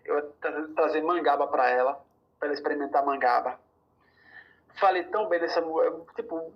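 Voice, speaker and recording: A man from Brazil tells a story in a relaxed podcast chat, voicing the other people's lines as he goes. He speeds through some bursts and slows down for others. The audio is somewhat dull and lo-fi. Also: on the high side. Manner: animated, quotes dialogue, rushes through bursts. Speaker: podcast guest. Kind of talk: casual storytelling.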